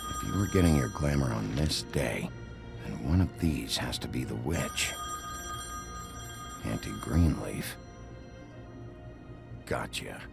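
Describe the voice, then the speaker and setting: An actor playing a gruff, sardonic werewolf sheriff in a video game, terse and gravelly. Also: male voice, extremely low pitch, animated, takes it slowly, long pauses, full character voice. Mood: focused. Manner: terse, dry, understated. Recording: game music behind the voice. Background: music.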